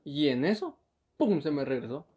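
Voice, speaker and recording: A young man talks through a story in easygoing chat. His voice sits a little high but sounds mellow and warm, and he laughs often between lines. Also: big pitch swings, normal speed, husky. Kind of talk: casual chat.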